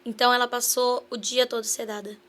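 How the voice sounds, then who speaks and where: A woman's voice: a little high, little pitch movement, brisk, fairly bright tone. A woman with a Brazilian Portuguese accent, a podcast guest giving an earnest personal testimony and acting out remembered dialogue. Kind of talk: personal testimony in a casual interview.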